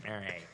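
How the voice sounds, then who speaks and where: Woman, comedy host, chatty banter, swooping lively intonation, small stage. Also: a little high, vocal fry, breathy edge. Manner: chatty, apologetic, laughing asides. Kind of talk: live comedy banter with guests.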